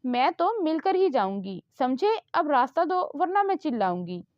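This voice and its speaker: A woman voicing a proud, quick-tempered young woman who answers back snappily. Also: sits high, sing-song, no echo. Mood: defiant. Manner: snappy, defiant. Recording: dull lo-fi dry recording.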